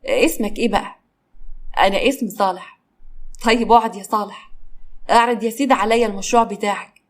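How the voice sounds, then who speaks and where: A woman's voice: mid-range voice, fairly quick, close to an everyday voice. A woman voicing a confident male boss who talks in a firm, teasing way, with an Egyptian accent. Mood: businesslike. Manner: bossy, teasing.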